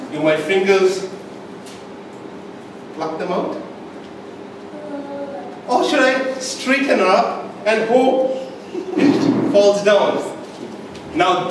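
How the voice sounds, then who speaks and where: In a speech contest, a club speaker with a high-pitched voice tells a comic tall tale to a live audience, holding dramatic pauses and stressing key phrases as he builds each point theatrically. The recording comes from the audience in an indoor meeting room, distant and very echoey with clear background noise.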